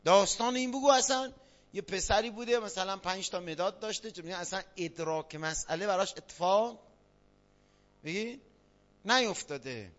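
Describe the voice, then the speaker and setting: High bright-voiced man lecturing a class. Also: lively intonation. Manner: quizzes listeners, spells out examples. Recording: dull lo-fi sound.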